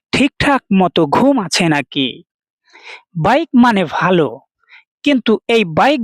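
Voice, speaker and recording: Slow, patient woman teacher. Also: medium pitch, dry recording. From Bangladesh. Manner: patient, repeats words and explains them one by one. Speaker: language teacher. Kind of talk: slow explanatory lesson.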